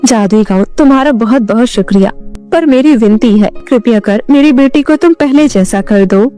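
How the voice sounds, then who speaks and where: A woman voicing a poor, loving mother in a cartoon story, speaking softly and tenderly. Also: fairly high pitch, normal speed, soft background music, close to an everyday voice. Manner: soft, tender.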